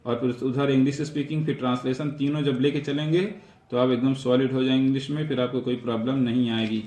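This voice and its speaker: A man's voice: medium pitch, level tone, quick pace, darkish tone, echoey room. A man teaching a vocabulary lesson, repeating each word and its meaning and explaining how to pronounce it.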